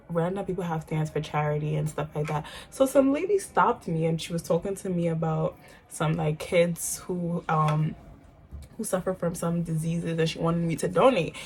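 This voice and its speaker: Young woman from New York, husky voice, chatty vlogger doing a get-ready-with-me at home. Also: on the low side. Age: young adult. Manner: chatty, animated storytelling with slang. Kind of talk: casual chat while getting ready.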